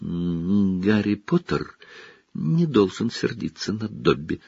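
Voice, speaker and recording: A man voicing a small anxious male house-elf servant, high and pleading, who humbly calls everyone sir and speaks of himself by his own name. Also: sing-song, takes it slowly, vocal fry, darkish tone, husky, no echo, heavily acted. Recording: slightly dull, dry recording.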